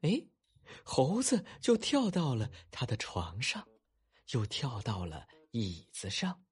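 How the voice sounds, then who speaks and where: A man narrating a children's story and talking to young listeners afterward, with animated asides. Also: medium pitch, slow, slightly rough, soft background music. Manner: animated, warm-toned coaxing asides to kids.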